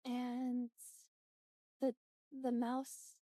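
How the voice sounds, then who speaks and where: A woman's voice: on the high side, completely flat delivery, drawn-out words, mellow, no room sound. A woman livestreamer chatting casually, rambling and trailing off as she goes. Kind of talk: casual livestream chat and reactions.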